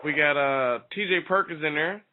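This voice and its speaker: A man's voice: on the high side, moderate pace. A man co-hosting a casual wrestling radio talk show, brash and teasing, swearing freely. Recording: phone-like lo-fi audio.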